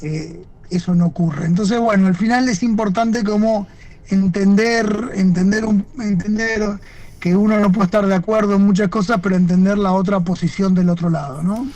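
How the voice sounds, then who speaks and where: A man's voice: high-pitched, fairly even intonation, normal speed, darkish tone. A man giving interview answers over a video call, speaking thoughtfully with frequent fillers and restarts. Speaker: guest photojournalist.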